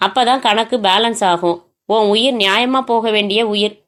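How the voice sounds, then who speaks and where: A woman voicing a menacing male kidnapper who speaks in a cold, measured, taunting way on the phone. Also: mid-range voice, fairly bright tone, close to an everyday voice.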